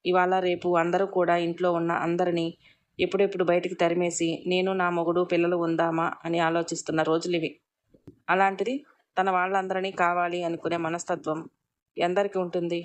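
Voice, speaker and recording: Gentle, fond older mother-in-law in a storybook, read by a woman; low, level voice. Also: level tone, fairly quick, natural voice. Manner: gentle and affectionate.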